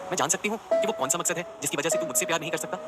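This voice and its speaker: A man puts on a tender, caring young woman for an audio story, soft and pleading. The voice sits a bit higher, with music underneath. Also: rapid-fire, lightly acted.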